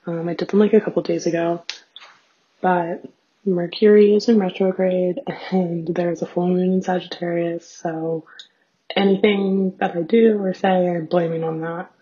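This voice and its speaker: A young adult woman with a raspy voice and vocal fry, chatting casually in a rambling, self-deprecating solo diary full of fillers. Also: on the low side, little pitch movement, normal speed, mellow. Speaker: host of a personal audio diary. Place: small bathroom at home, sitting on floor. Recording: dull, lo-fi home recording.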